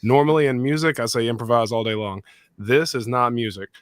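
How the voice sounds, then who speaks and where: A Texan man chats on a livestream, slangy and excitable. His voice is deepened after a recent illness. The sound is dry and close to a studio mic. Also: brisk, dry recording. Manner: excitable, slangy, greets chat loudly. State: deep voice after being sick. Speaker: host. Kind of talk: casual livestream chat. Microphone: studio mic with audio interface.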